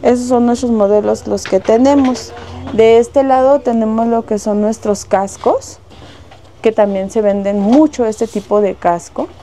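A Mexican saleswoman shows off goods inside a shop, casually listing wholesale prices and sprinkling in plenty of diminutives. Her voice is fairly high and warm, and she takes her time.

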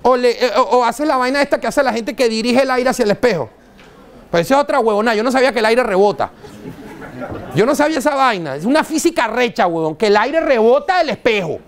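A man's voice: extremely high pitch, expressive, quick pace. A man with a Venezuelan accent giving a live dental lecture, blunt and slangy, quizzing the audience. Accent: Venezuelan Spanish. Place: university lecture hall.

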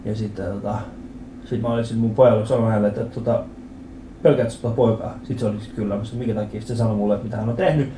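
A man's voice: fairly low pitch, slight background noise. Guy doing standup in a comedy club, acts out every voice, swears a lot, echoey room. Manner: animated storytelling, acts out quoted voices, swears freely. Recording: roomy club with audience laughter.

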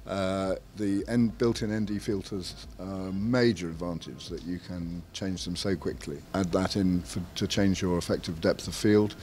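Very deep-voiced man explaining steadily. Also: steady tone, darkish tone, slight background noise. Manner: measured, frequent "uh" pauses between phrases. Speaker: camera maker's representative. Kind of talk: technical product interview.

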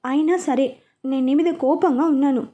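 A woman's voice: high voice, fairly even intonation, moderate pace, mellow, dull audio, lightly acted. A woman reading a story, voicing a pouting, stubborn young woman who is hurt and angry with her fiancé. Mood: sulky.

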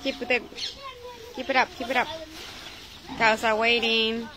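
A woman's voice: on the high side, little pitch movement, unhurried. A woman chatting casually and encouragingly in short phrases while filming outdoors on a handheld phone. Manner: encouraging, short repeated praise. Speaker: person filming the livestream. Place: outdoor cow shelter yard. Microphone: handheld phone, behind the camera. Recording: loud outdoor noise, animals around.

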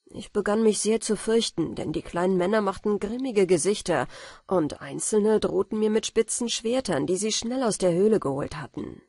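Husky woman reading a bedtime story. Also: medium pitch, moderate pace, warm tone, no echo, studio quality. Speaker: audiobook narrator.

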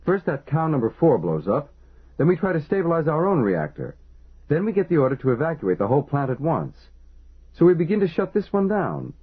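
A man voicing a furious, gruff male shift chief who curses in a rasping, raised voice. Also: medium pitch, big pitch swings, unhurried. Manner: cursing, shouting angrily. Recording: tinny phone-like band.

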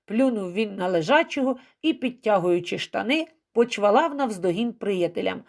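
A woman narrating a school novel as an audiobook in a steady, expressive reading style. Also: medium pitch, moderate pace.

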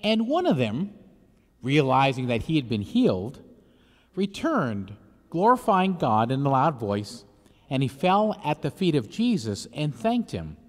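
A middle-aged man, a priest, reads the gospel in a measured way and then preaches loosely with fillers, his voice ringing in a cathedral echo. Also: mid-range voice, big pitch swings. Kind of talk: liturgical reading and homily. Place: large church, indoors. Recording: long echo of a large church.

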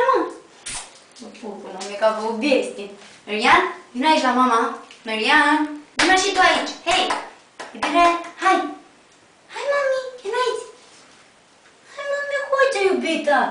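A woman with a Romanian accent talks to her puppies in a casual home video, cooing baby talk, filmed on a camera someone else holds. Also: high-pitched. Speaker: puppy owner. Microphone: camera held by someone else. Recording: echoey room, camera off at a distance, faint noise.

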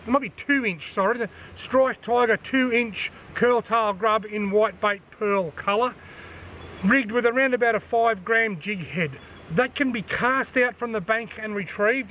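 Standing outdoors at a forest's edge, an Australian man in his forties hosts his fishing channel, filmed by a tripod camera at chest height. He speaks in a high, slightly bright voice with a touch of hiss or hum, explaining things in a chatty, practical way and going over the main points again.

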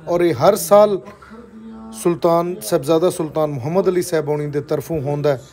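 Man, 30s, persuasive vlog talk, mellow tone, phone at arm's length. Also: fairly high pitch, a little fast. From Pakistan. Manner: earnest, persuasive, addresses viewers as friends. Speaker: vlogger. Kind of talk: casual vlog narration to camera. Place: indoor sitting room and car.

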